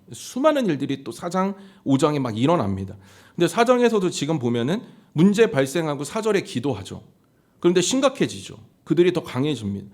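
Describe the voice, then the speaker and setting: A male pastor preaching a Sunday sermon and telling stories from his ministry. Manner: storytelling sermon with lively pitch swings.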